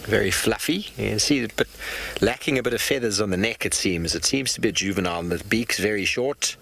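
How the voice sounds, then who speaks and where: A male safari guide chats playfully as he gives live nature commentary. His voice is low yet bright and forceful, recorded outdoors over clear background noise. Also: a little fast. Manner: chatty, playful remarks on animals. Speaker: wildlife safari guide host.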